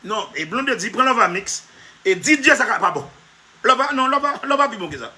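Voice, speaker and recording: This male comedy vlogger has a high, sharp voice and a very animated delivery at a normal speed. His comic monologue is emphatic and repetitive, often half-laughed. He keeps calling out to "monsieur."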